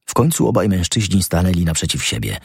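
A man narrating an audiobook in a measured, dramatic storytelling manner. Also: low voice, sing-song, vocal fry, breathy edge, dry recording, clean studio sound.

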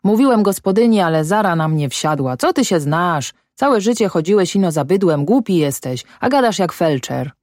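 A woman's voice: lowish voice, animated, normal speed, hardly any pauses, a little mellow, no room sound, studio quality, lightly acted. A woman voicing a plain old shepherd who tells things in a blunt, rustic way in an audiobook. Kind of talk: audiobook character voice.

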